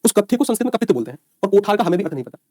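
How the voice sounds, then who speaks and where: A man's voice: high-pitched, sing-song, racing, darkish tone, no echo, clean studio sound. A man teaching an online exam-prep lecture, quizzing his students and answering his own questions, with folksy asides.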